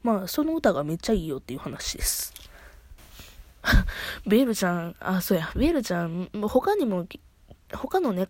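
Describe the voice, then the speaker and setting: A woman with a Kansai accent chatting excitedly on her solo podcast, often restarting her sentences. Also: mid-range voice, no echo. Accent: Kansai Japanese. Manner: chatty, excitable fan talk full of restarts. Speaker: podcast host. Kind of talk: casual solo podcast chat.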